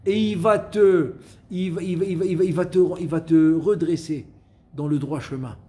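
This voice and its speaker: Male rabbi, slightly raised pitch, animated teaching delivery, slow chanted verses between plain talk. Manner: animated, asks the listener questions, repeats key phrases. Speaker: rabbi teaching a Torah class. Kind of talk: Torah lesson with storytelling.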